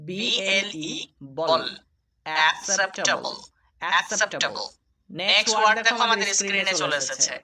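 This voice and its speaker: A man teaching English reading to students, spelling out letters and repeating each word slowly. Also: sits high. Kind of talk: spoken lesson, spelling out words.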